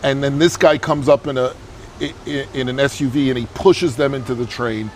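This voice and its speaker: A man's voice: mid-range voice, fairly even intonation, fairly quick, slight background noise. A man venting bluntly about a movie in a casual chat outdoors, swearing and complaining freely. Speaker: movie reviewer.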